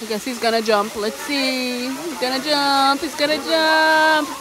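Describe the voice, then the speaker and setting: A woman's voice: high voice, a little slow, noisy background. A woman from Trinidad filming a casual vlog outdoors, cheering friends on at a waterfall pool. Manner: excited cheering. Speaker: vlogger. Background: waterfall and people.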